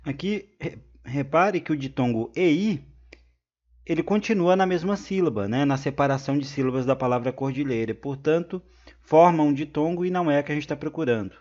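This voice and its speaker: A man's voice: fairly high pitch, fairly quick, darkish tone. A man with a Brazilian Portuguese accent teaching an exam-prep grammar lesson, repeating each point and checking in with viewers. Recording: slightly dull lo-fi sound.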